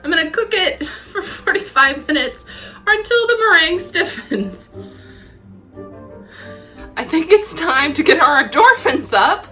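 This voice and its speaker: A woman hosts a playful baking vlog in a high voice. Her delivery is theatrical and sing-song, swinging widely in pitch and stretching words out slowly. Music plays behind her. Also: very animated, bright, forceful tone. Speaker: host of a baking show.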